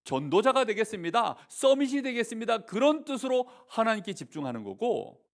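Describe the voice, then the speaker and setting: Male youth preacher with a sermon delivery, fairly high voice, keeps quizzing the crowd. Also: a little fast. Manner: lively, keeps asking the listeners questions.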